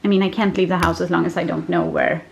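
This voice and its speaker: Fast and creaky, her lowish voice is a little mellow with fairly even intonation, against slight background noise. The speaker, a Swedish-born family vlogger in her thirties whose first language is Swedish, chats casually to an arm's-length handheld camera inside her home, laughing a lot between words.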